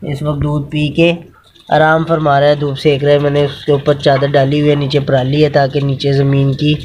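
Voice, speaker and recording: A man in a casual instructional vlog, explaining goat care outdoors in an unhurried way with many pauses and fillers. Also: a little high, monotone, a little mellow, a little hiss or hum. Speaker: goat keeper and channel host. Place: outdoors in a yard with animals.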